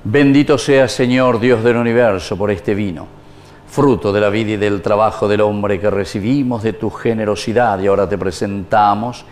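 A man's voice: fairly low pitch, fairly even intonation, darkish tone. Solemn man praying as a priest at Mass. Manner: solemn, measured, formal. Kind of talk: liturgical prayer recitation. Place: small indoor wood-panelled chapel. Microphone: lapel mic.

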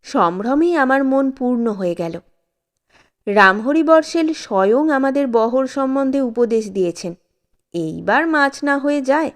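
Slow-reading woman storyteller. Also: high-pitched, lively intonation. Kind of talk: scripted narration of a classic short story.

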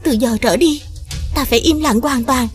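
A woman playing a sweet high young princess. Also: moderate pace, faint music behind, natural voice. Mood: tender. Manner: polite, soft and eager. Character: brave, gentle young princess, polite to elders. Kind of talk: dubbed cartoon acting.

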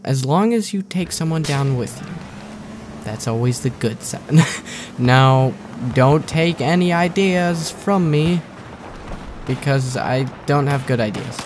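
A young man drawls through loose, sarcastic gameplay commentary at an unhurried pace, his pitch sitting right in the middle. Faint gunfire and game noise carry on under his voice. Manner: joking, rambling, sarcastic.

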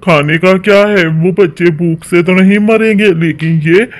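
A man's voice: high-pitched, fairly even intonation, normal speed, close to an everyday voice. A man voicing an anxious father bird in a cartoon, urging his family to flee in a pressing voice. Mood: urgent. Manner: urgent, commanding.

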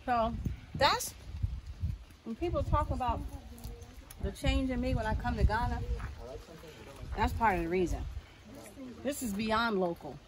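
A woman's voice: on the high side, expressive, unhurried, long pauses, noisy background. A woman hosting a travel vlog outdoors, talking casually and exclaiming with enthusiasm as she tours a farm. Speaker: travel vlogger and tour host. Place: outdoors on a farm and garden tour. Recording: music playing under the voice.

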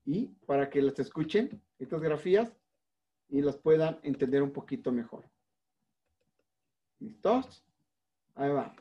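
A male music teacher with a Mexican accent, patiently explaining a lesson step by step to his students and filling his pauses with "este". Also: on the high side, animated, lo-fi sound. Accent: Mexican Spanish. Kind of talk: recorded online class.

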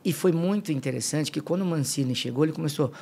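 His voice is slightly high, gravelly and a little rough, and he talks fast. A middle-aged fitness coach from Limeira, São Paulo state, Brazil, he's a podcast guest in a casual storytelling interview, vividly acting out conversations.

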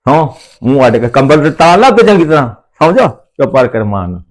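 A man's voice: mid-range voice, big pitch swings, a little fast, close to an everyday voice. A man playing an older father-in-law in a family comedy skit, who rants, repeats himself and threatens his son. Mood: ranting. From Punjab, India. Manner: ranting, repetitive, threatening.

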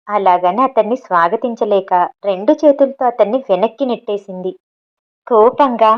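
A woman's voice: fairly high pitch, muffled recording. Woman reading a love story aloud. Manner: reads dialogue of both lovers in her own voice, lightly varied. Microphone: home microphone.

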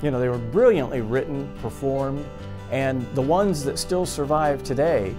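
A fifties-aged American man who hosted an old-time radio show reminisces as if in an interview, speaking in a mid-range voice at a moderate pace. He's in a small radio studio office, plucked guitar music playing behind him.

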